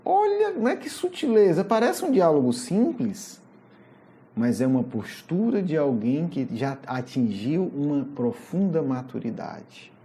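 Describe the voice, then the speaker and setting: Lively Brazilian Portuguese spiritist lecturer. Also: medium pitch, a little slow. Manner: animated storytelling, often tagging lines with a questioning aside. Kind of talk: religious lecture retelling a Gospel story.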